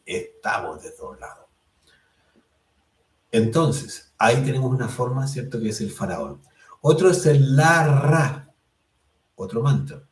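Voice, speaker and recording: A spiritual course instructor, a man with a medium-pitched voice, teaches a meditation lesson in a calm, explanatory way. He checks in with his listeners often, tags phrases with "¿cierto?", and stretches chant syllables out slowly. The sound is roomy, with the mic placed at a distance.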